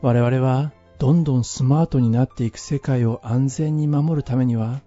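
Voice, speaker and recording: A man hosting a podcast, calmly explaining English phrases for learners and signing off politely. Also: medium pitch, normal speed. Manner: calm, explanatory, adds polite sign-offs. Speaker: podcast host, English teacher. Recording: dull lo-fi audio, faint music.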